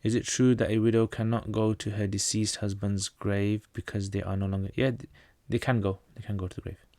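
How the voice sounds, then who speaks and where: In a relaxed livestream Q&A, a man from North Pakistan with a low voice and Pashto as his mother tongue reads viewer questions and responds a little fast. His manner is plain, with lots of restarts, and the sound is close and dry with no room reverb.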